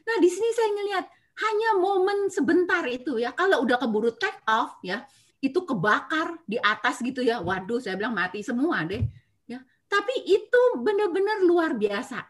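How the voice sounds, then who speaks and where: A woman's voice: high-pitched, normal speed. A middle-aged woman giving a devotional talk and personal testimony on a video call, telling her stories expressively with frequent filler words. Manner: expressive storyteller, many filler "ya" and "nah". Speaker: church speaker giving a testimony.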